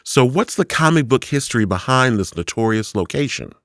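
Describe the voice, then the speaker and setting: A man co-hosting a scripted podcast, explaining things with dry, deadpan retorts. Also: mid-range voice, fairly quick, no echo. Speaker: podcast co-host.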